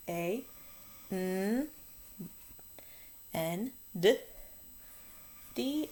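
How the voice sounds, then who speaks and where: A woman teacher recording a phonics lesson for young children, drawing out letter sounds in a sing-song teacher voice. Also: medium pitch.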